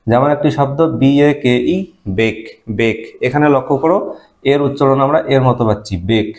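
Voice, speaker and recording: A man leads a beginner reading lesson at an everyday middle pitch. He works through letter pairs one at a time, says each sound and repeats it, and checks in with the class often. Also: a little mellow. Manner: patient, repeats each word slowly, checks in with "all right?"; spells letters then sounds out syllables. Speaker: English teacher. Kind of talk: step-by-step phonics lesson.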